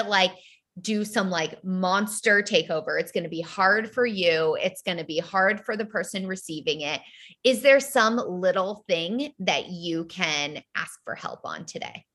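Female podcast co-host, bright tone, casual chatty delivery. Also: mid-range voice, unhurried. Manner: chatty, lots of filler "like".

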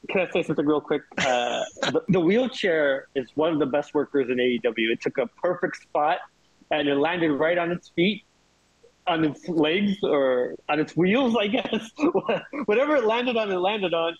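Slightly husky, higher-pitched male panelist. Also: animated, normal speed, no room sound, dull audio. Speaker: podcast panelist. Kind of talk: casual chat.

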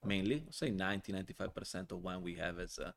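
A man in his forties with an Italian accent and a somewhat low voice. He is a podcast guest who tells animated, joking stories. His English is fluent but not his first. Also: fast. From Italy. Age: 40s. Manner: animated, joking storyteller in non-native English. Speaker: guest, wine importer. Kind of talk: casual podcast interview.

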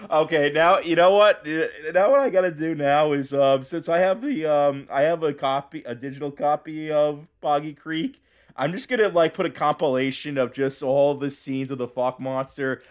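A man co-hosting a podcast in casual, joking chat, excitable and rambling with lots of fillers. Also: fairly high pitch, moderate pace, clean tone. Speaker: podcast co-host.

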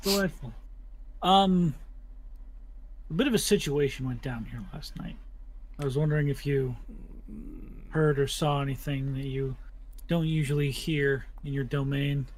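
A man's voice: fairly high pitch, steady tone, unhurried, pauses often, a little hiss or hum. A man playing a tabletop game, chatting playfully and joking. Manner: playful, laughs often, joking. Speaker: player.

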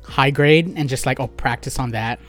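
A man's voice: medium pitch, moderate pace, music in the background. A young man chatting casually with friends on a podcast, rambling with lots of "like" and restarts. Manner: rambling, many likes and restarts. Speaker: podcast co-host. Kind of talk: casual chat among friends.

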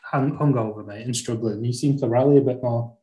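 Male host, average pitch, informal football chat with co-presenters. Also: steady tone, fairly quick, dark tone. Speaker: podcast host.

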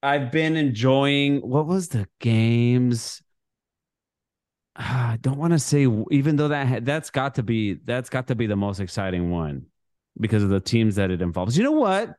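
A man's voice: medium pitch, a little slow, a little mellow, no echo. A man co-hosts a casual basketball podcast, his mid-range voice rambling through restarts and easy laughs. The sound is dry and close, with no room around it. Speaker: podcast co-host. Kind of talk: casual sports chat.

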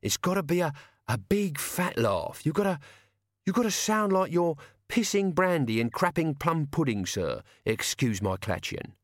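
A man doing a crabby old servant, high and coarse. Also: big pitch swings, normal speed, no room sound, studio quality. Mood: coaching. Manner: coarse, blunt, folksy slang.

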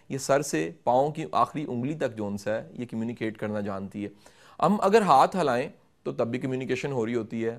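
A middle-aged man answering interview questions, explaining communication skills at length in a measured, instructive way and addressing the viewers directly. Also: medium pitch. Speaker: guest speaker on communication.

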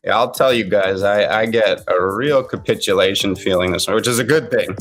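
A man's voice: lowish voice, brisk, fairly bright tone, faint music behind. A man in his late thirties co-hosting a casual live audio show, trading dry, self-mocking banter about the markets. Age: 30s. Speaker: co-host.

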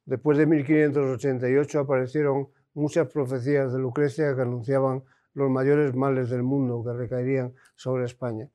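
Mellow-voiced man giving a hesitant lecture. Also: medium pitch, little pitch movement, normal speed. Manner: hesitant, with frequent fillers and restarts. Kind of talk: academic lecture.

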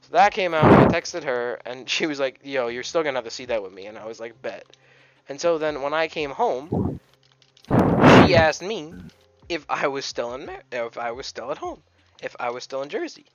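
A young man telling a casual story with lively quoted dialogue. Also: normal speed. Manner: animated storyteller, swinging pitch when quoting. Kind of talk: casual chat. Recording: dull lo-fi mic.

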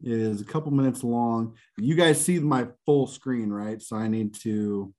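Relaxed man host on a video call. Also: medium pitch, unhurried. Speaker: podcast host. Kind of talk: casual chat.

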